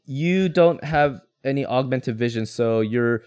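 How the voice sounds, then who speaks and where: A man's voice: medium pitch, unhurried, darkish tone, clean tone, no echo. A man working as game master, casually narrating a tabletop game in an explanatory, rambling way.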